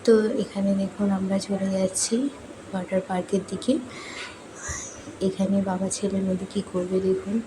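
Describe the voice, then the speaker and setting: A young woman from West Bengal narrating a cheerful, chatty family vlog for her viewers, her voice a little hoarse from swimming. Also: medium pitch, monotone, moderate pace, long pauses. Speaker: vlogger. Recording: noisy outdoor ambience.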